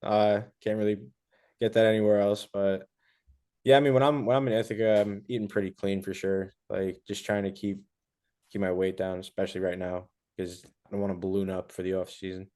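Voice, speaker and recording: A young man with a fairly low voice answers questions on a casual podcast. He talks in a relaxed way, keeps his answers short and fills gaps with little pauses and "uh"s. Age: young adult. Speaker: guest wrestler.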